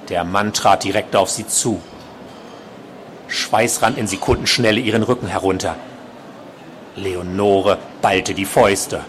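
A male author reading from his novel at a book fair in a measured, expressive way. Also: on the low side, slight background noise.

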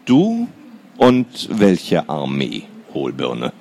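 A man's voice: medium pitch, sing-song, moderate pace. A man voicing a mischievous girl who teases her brother with mock innocence in a children's audiobook. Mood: mock-innocent. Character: mischievous teasing girl twin.

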